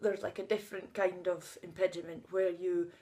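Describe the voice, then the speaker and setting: This vlogger, a woman in her thirties, talks unscripted and emotionally outside in the sunshine, sometimes laughing, while blocking on initial sounds because of a stutter. Her voice is fairly low and dark, with a level tone at normal speed.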